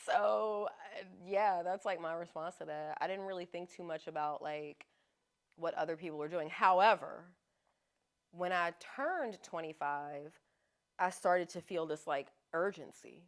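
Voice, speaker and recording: A woman in her thirties chats as a podcast guest, relaxed, frank and full of slang. Her voice sits a little low and comes through smooth and clear. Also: measured pace. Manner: laid-back, slangy and frank, laughs often. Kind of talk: casual chat.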